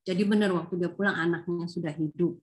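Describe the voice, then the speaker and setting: A woman's voice: fairly low pitch, fairly even intonation, fast. A woman from Indonesia, a Sunday school teacher, tells a Bible story to children in a chatty way, full of fillers and tag questions.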